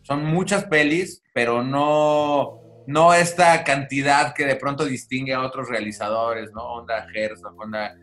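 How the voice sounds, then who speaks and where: A man's voice: medium pitch, a little slow, a bit bright, faint music behind. A man co-hosting a podcast, discussing a director's films in a reflective, hesitant way with restarts. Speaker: podcast co-host. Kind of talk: casual film discussion.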